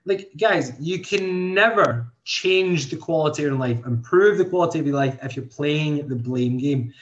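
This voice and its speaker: This podcast host and coach is a man in his 20s whose voice is on the high side and moves at a normal speed. He talks earnestly on his motivational podcast, restarting often as he thinks aloud, and the audio is dull and lo-fi.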